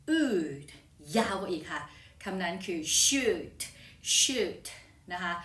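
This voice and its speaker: A young woman teaching an English phonics lesson in a friendly, polite, chatty way, slowing down to show each word. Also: lowish voice, sharp tone. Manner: chatty, polite, slow deliberate word demonstrations. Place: hot room. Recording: roomy echo, voice from a distance.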